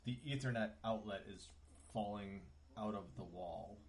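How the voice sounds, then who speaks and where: A man's voice: fairly low pitch, normal speed. A middle-aged man co-hosting a home podcast, rambling through a story with lots of fillers. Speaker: podcast co-host. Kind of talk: casual chat. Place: home bedroom.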